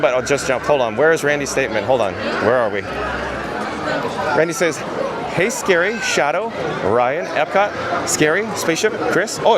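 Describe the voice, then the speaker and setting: A high-pitched man with a slightly hoarse, raspy voice hosts an upbeat livestream outdoors on a busy theme park street at dusk. He greets viewers by name and reads their chat messages aloud, with crowd chatter, street noise, and other outdoor sounds behind him.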